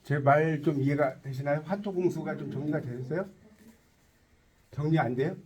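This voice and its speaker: A man's voice: fairly high pitch, moderate pace, a little mellow. A man teaching a tarot lecture to a class, quizzing his students and cracking jokes as he explains. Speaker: tarot instructor.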